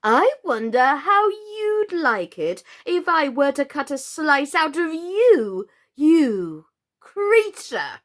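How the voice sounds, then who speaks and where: A woman's voice: high-pitched, sing-song, voice pushed up, exaggerated voice. A woman doing a thick-voiced, affronted talking pudding. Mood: indignant. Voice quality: thick, suety voice. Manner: slow and affronted. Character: indignant talking plum pudding.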